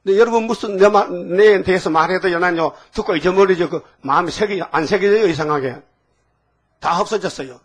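Folksy call-and-response marks this older pastor's sermon, as he teases his congregation and keeps asking them "응?". His high voice has a breathy edge, and he talks fairly quickly.

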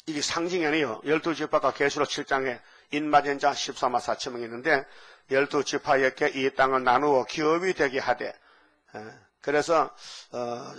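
A man preaching a sermon, telling Bible stories with lively acted-out voices for the characters. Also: medium pitch. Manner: animated storytelling, acting out Bible characters' voices.

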